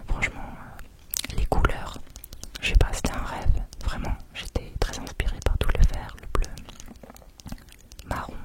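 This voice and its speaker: Female ASMR vlogger, hushed whisper for quiet late-night listening, informal and rambling, repeats words softly. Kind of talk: whispered ASMR travel vlog narration.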